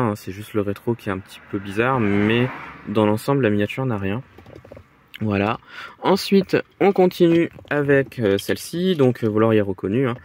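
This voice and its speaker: A man vlogging about his flea market finds in a halting, casual way, full of fillers and repeated words. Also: medium pitch, a little hiss or hum. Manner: halting, filler-heavy, repeats "très, très" and "voilà". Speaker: vlogger showing model car finds. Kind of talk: casual vlog commentary. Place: flea markets and indoors at home.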